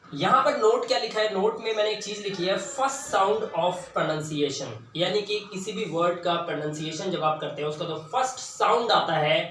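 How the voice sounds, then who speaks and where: A man with a high, bright voice teaches grammar in a classroom style, asking questions and repeating words slowly for emphasis. He sounds far from the mic in a very echoey room, with a faint hiss underneath.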